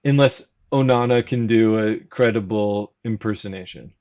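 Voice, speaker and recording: A man chatting as a fan guest on a casual podcast, explaining his points at length in a measured, analytical way. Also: fairly low pitch, a little mellow, muffled recording.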